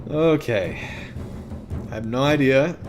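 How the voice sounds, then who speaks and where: Speaking slowly over music, a man plays through a story game as a let's play gamer, casually rambling and thinking aloud. He stumbles through fillers and restarts, corrects himself, occasionally reads the game text, and jumps to a very high voice when joking.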